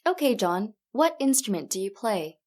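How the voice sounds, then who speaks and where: Lively, inquisitive woman interviewer. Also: mid-range voice, normal speed. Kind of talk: scripted textbook audio interview.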